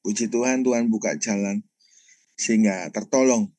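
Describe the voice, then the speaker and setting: A man's voice: on the low side, normal speed, warm tone, no room sound, poor audio. A man, a pastor telling a personal testimony in a sermon and often addressing the congregation directly.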